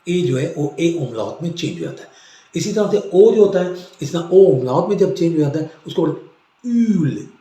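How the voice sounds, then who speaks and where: A man teaching a language lesson, explaining slowly and repeating each word for drilling. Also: on the high side, mellow, roomy sound. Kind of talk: classroom-style language lesson.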